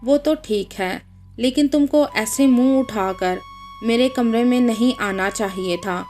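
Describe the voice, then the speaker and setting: A woman voicing a rude, sharp-tongued young wife in a read-aloud story, speaking curtly and mockingly. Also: a little high, unhurried, soft background music, lightly acted. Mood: snappish. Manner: curt and mocking.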